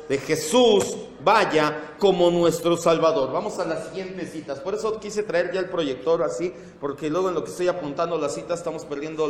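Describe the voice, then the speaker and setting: A man leads a Bible class in a church room, explaining word meanings slowly and repeating each term. His voice sits fairly high for a man. The sound rings with a long, hall-like reverb. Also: slight background noise. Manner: slow, repeats terms, calls on listeners by name. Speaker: Bible teacher. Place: church meeting room with projector. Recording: echoey hall.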